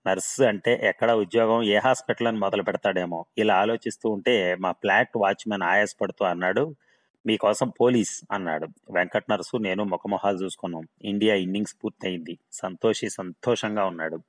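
A man narrating a humorous story in a wry, steady reading voice. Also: on the low side, brisk.

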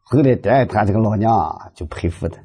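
A man's voice: fairly low pitch, quick pace, dark tone, husky. A man giving a storytelling Buddhist talk, animatedly acting out the dialogue of his stories. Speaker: lay Buddhist speaker.

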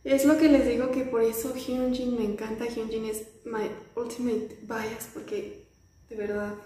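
A woman's voice: fairly high pitch, flat delivery, unhurried, mellow, slight background noise. A woman dance coach talking over a video she is reacting to, gasping, laughing and stopping to rewatch. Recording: roomy echo with music playing behind. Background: pop music from the video.

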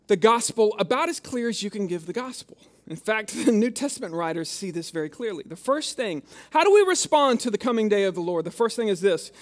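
A middle-aged man, a pastor, preaching a sermon in a conversational way, with jokes and restarts. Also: extremely high pitch.

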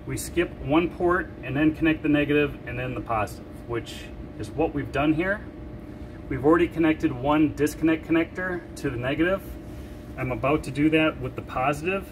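In a large indoor boat storage shed, an older man who runs a sailing vlog explains a boat repair step by step while he works, relaxed throughout. His pitch is fairly high and the background is noisy.

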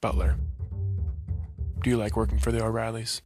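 A man playing a private investigator, narrating in a hard-boiled comic style and reacting with deadpan exasperation. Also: lowish voice, moderate pace, soft background music, close to an everyday voice.

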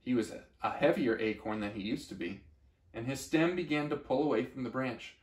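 A man reading a children's storybook aloud in a gentle, expressive way. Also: mid-range voice, fairly quick, roomy sound. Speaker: story reader.

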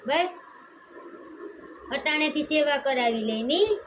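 A woman's voice: high voice, expressive, slow pace. A young woman, chatting casually at home as a mother in a family vlog and fussing over her little daughter. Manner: chatty, doting, talks to her small daughter. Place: home, indoors. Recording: dull muffled home audio with loud background noise.

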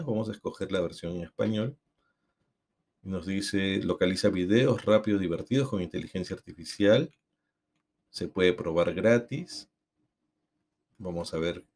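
Calm male tutorial narrator, lowish voice. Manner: calm, explanatory. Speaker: tutorial host.

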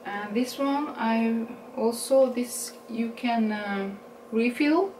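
Chatting through a makeup haul, a Norwegian beauty vlogger in her forties speaks Norwegian-accented English at an easy pace, revising her phrasing and laughing at her English. The slightly high voice is caught by a camera mic at a distance in a small room, giving a roomy sound and steady background hiss.

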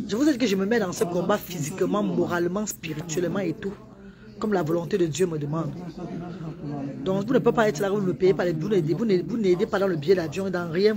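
Woman live-streaming to viewers, insistent tone, crowd noise behind. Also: mid-range voice. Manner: reads out viewers' greetings, defensive and insistent. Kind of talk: casual live-stream chat.

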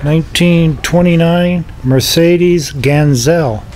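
A man's voice: fairly high pitch, takes it slowly, darkish tone, a little hiss or hum, low-quality recording. Man narrating a flea market walk-through. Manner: chatty, wry remarks while filming. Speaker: vlogger touring a flea market. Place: indoor flea market hall.

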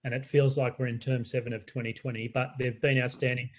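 A man's voice: mid-range voice, level tone, quick pace. An Australian man who leads a school, presenting to parents in an earnest, conversational way with many fillers and restarts. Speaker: school leader.

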